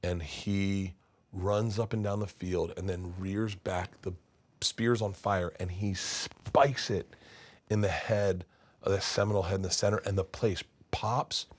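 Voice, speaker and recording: A comedian in his fifties telling stories as an interview guest, animated and swinging between loud and hushed. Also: deep voice, unhurried. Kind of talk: candid storytelling in conversation. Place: his studio.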